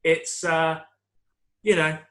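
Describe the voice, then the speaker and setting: A man co-hosting a comedy pop-culture podcast, talking slowly and unhurriedly. His voice has a bright, forward edge, and he rambles, swears and chuckles through his picks. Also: a little high, little pitch movement. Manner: rambling, swearing, laughs often, sings song lines. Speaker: podcast co-host. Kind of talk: casual comedy podcast chat.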